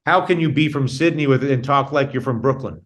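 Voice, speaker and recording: A man with a medium-pitched voice hosts an interview show. He speaks conversationally, in a halting way, restarting and rewording his questions as he goes. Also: fairly bright tone.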